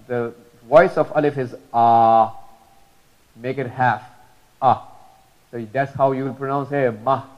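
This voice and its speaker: A man's voice: medium pitch, muffled recording. A man teaching Arabic pronunciation in a religious lesson, patiently repeating model sounds with many fillers.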